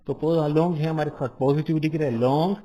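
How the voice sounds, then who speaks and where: A man with a fairly high voice explains grammar to a class at an unhurried pace. He keeps checking in with his listeners after each point. When he reads English definitions, he slows right down and says each word with care. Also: fairly even intonation, mellow, low-quality recording.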